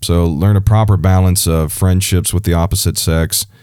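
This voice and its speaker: A man with a very low voice talks earnestly about dating and faith, in a loose conversational way full of fillers and restarts. The recording is dry and close, with no room sound. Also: fairly even intonation, moderate pace, darkish tone, clean tone, no echo. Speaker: pastor giving dating advice. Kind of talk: casual religious advice talk.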